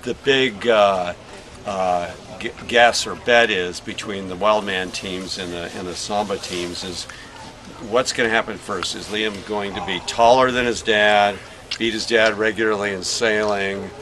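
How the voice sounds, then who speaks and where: A middle-aged man tells stories in a relaxed, rambling way, full of fillers. His voice sits on the low side. He is recorded outdoors with clear noise in the background. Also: unhurried, low-quality recording. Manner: chatty storytelling with many fillers. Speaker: sailor and father of a young racer. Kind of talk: casual outdoor interview.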